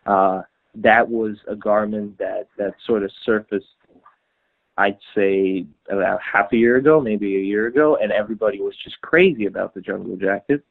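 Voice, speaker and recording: A man speaks in a relaxed podcast chat, his sentences stopping and starting as he searches for words. His voice sits on the low side. The sound is thin and narrow, like a phone call. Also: vocal fry. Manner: halting, many restarts and fillers. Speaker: customer service at a trouser maker. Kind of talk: casual podcast conversation. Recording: tinny phone-like line.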